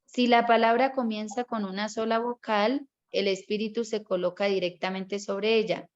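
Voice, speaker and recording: A woman's voice: medium pitch, little pitch movement, moderate pace, highs cut off. A woman teaching a Bible course class, explaining step by step and often checking in with her students. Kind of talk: online class lecture.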